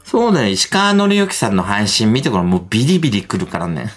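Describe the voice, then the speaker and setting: A middle-aged man chatting on a livestream, gossipy and animated, with a lively voice that swoops up and down. Faint music plays behind him. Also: fairly low pitch, fast. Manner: animated, gossipy, laughs often. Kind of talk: casual livestream chat.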